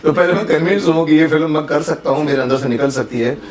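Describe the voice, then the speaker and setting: A man's voice: on the high side, fast talker, crowd noise. An older man hosting an interview, mixing Hindi and English and acting out dialogue lines with shifting emphasis. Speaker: talk show host. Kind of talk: conversational interview with a film guest.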